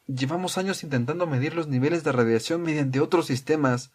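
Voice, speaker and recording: A man's voice: fairly high pitch, fairly quick, lightly acted. A man voicing a guilt-ridden middle-aged mother who speaks in a faint, desperate voice.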